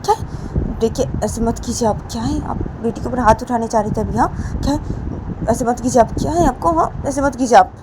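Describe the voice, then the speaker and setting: A protective mother who pleads firmly and tries to calm things down, her voice pitched up, as a woman narrator puts her on. Steady traffic noise sits behind her. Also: a little fast, lightly acted. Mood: pleading. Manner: pleading, placating, repeats requests.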